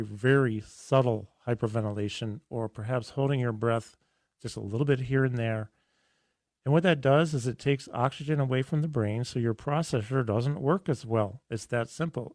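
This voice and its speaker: A hoarse man hosts a health talk on radio, his voice raspy and gravelly. He talks in an enthusiastic, rambling way with plenty of restarts, close to a dry studio mic. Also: medium pitch, a little mellow, no echo. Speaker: radio health show host.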